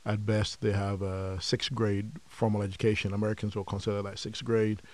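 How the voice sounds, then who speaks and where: A man from Nigeria, a podcast guest, telling his story in a measured, reflective way with frequent pauses. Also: on the low side, level tone. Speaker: podcast guest, company founder. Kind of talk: conversational interview.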